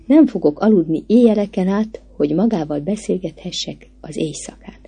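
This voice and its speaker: A woman reading a gentle, poor young wife. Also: on the low side, slightly rough, no room sound. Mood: devoted. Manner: soft, gentle speech.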